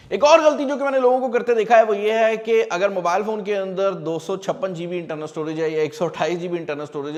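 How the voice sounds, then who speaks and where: A male tech host with a slightly high voice gives a casual explainer talk, chatty and direct, speaking straight to viewers and using everyday examples. The recording carries a long hall reverb.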